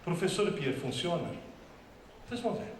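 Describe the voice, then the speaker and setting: A man giving a lively storytelling lecture at a school, acting out dialogue with different voices. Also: high voice, moderate pace, a little hiss or hum. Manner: animated, acts out dialogue with voices. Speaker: teacher giving a talk. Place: school hall. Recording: very echoey hall, speaker far from mic.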